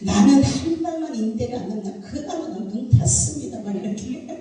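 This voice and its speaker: A middle-aged woman pastor preaches to her congregation with a mellow, dark tone. She tells stories animatedly and breaks into loud bursts. She is heard from a distance in a very echoey church hall with faint background noise. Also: fairly high pitch, expressive, takes it slowly, faint music behind. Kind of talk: sermon.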